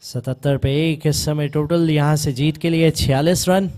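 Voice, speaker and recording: A high-voiced male cricket commentator delivers excited live play-by-play. His pitch sits well above most men's, and he follows the game ball by ball. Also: normal speed.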